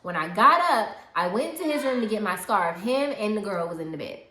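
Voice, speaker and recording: A woman telling a personal story in casual chat, animated and laughing, acting out the people she quotes. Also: mid-range voice, brisk. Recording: roomy echo.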